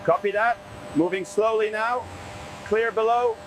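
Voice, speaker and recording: A man's voice: sits high, measured pace, background noise. A man giving terse work instructions as an assembly crew member, over a helmet radio.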